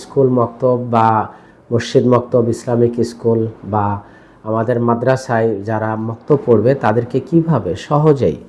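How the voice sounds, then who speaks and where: A man teaches a lesson in a patient explaining voice, at a middle pitch. He slows into a sing-song chant to drill each rule, asking questions and answering them himself. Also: a little mellow, a little hiss or hum. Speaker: Quran teacher.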